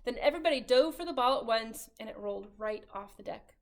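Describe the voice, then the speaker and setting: A woman leading a children's storytime, reading a picture book aloud in a cheerful, animated way. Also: fairly high pitch, fast. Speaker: children's librarian.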